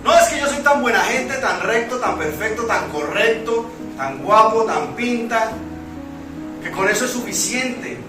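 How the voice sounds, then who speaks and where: A man's voice: very high voice, lively intonation, unhurried, very echoey, recorded from a distance, music in the background, poor audio. A man with a Colombian accent preaching a sermon as pastor, putting rhetorical questions to the congregation.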